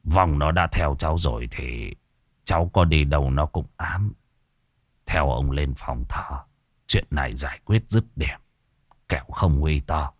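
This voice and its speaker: This is a sorrowful old grandfather in a spoken ghost story, as the male reader puts him on. His voice sinks deep and hushed, slow and weary with dread. A husky grain sits in his dry, close tone. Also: no echo. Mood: grave, mournful. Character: grim, sorrowful old grandfather, low and heavy.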